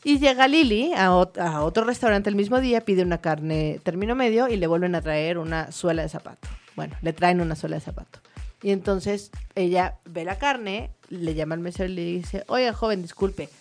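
Therapist lady chatting, lots of fillers, lowish voice. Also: moderate pace, soft background music. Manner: chatty, many fillers, storytelling. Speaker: child therapist. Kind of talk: explanatory conversational talk.

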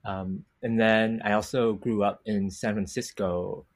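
In a casual interview on a podcast, a young Vietnamese comic artist reflects on his work slowly and carefully, filling gaps with lots of filler words. He has a lowish, steady-toned voice and speaks a little slowly.

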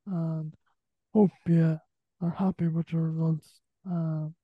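Young west of ireland guy hosting a sports chat, flat husky voice, muffled lo-fi audio. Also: a little high, slow, no room sound. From Galway, Ireland. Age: late teens. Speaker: podcast host. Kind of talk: casual sports interview.

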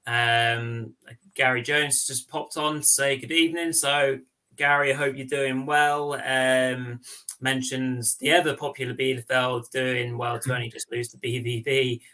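A man hosts a football podcast with a bright, sharp tone. His voice sits at a middle pitch. He speaks hesitantly and pads his talk with "um" and "kind of". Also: level tone, a little slow. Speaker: podcast host. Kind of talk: casual podcast hosting.

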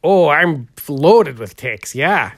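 A good-natured, heavyset painter, played by a man, who drawls and fills every pause with "uh". His voice swings widely up and down as he rambles on. The sound is dry and close. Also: a little high, expressive, no echo. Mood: goofy. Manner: drawling, rambling, full of "uh" and "there". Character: folksy heavyset male portrait painter, goofy. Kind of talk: improvised comedy interview.

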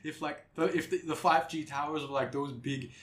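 A young man hosting a podcast, rambling and swearing through casual chat in an excitable way. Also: on the high side, a little fast. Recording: echoey room with faint ambient noise.

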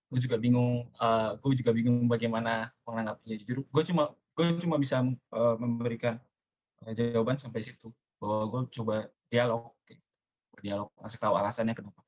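A man's voice: mid-range voice, little pitch movement, brisk, darkish tone. A young man, a panel guest, speaking in casual chat, hesitant and repeating himself. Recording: dull lo-fi sound.

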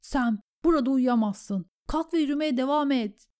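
A woman doing a harsh, gruff young comrade. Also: sits high, normal speed, a little mellow, voice pushed up, natural voice. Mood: urgent. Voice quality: harsh, rough.

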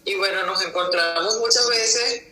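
A woman from Venezuela joining a casual podcast chat as a guest, lively and chatty. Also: medium pitch, moderate pace, reverberant, rough recording.

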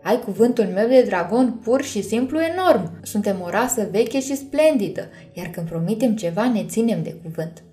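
A tiny male dragon from a storybook, excitable and dramatic, gushing in a voice pitched well up and pushed loud, as a woman acts him out. Faint music plays underneath. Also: hardly any pauses, close to an everyday voice. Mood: proud. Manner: gushing, theatrical.

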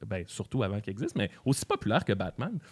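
A man's voice: on the low side, fast, breathy edge. A man with a Québécois accent presenting his segment on a talk show in a casual, chatty way, with many fillers and restarts. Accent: Québécois French. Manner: animated, hesitant with many fillers. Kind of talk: casual chat.

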